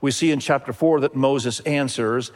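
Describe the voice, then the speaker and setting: A middle-aged pastor who grew up in Indonesia preaches earnestly to his church in a mid-range voice at a moderate pace. He frequently repeats phrases and calls out to the congregation.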